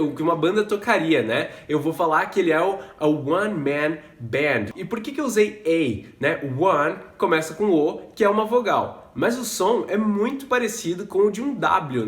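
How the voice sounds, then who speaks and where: A man with a fairly high voice explains English grammar in a relaxed, chatty way, slowing right down whenever he models an English word. He is a Portuguese speaker teaching learners of English. The recording has a noticeable roomy echo. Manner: explains patiently, slows down to model English words. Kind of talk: casual explanatory lesson.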